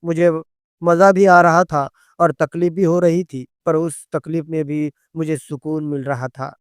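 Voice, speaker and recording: Smooth-voiced man narrating a story. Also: fairly high pitch, little pitch movement, a little slow, no room sound, clean studio sound. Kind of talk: scripted first-person story narration.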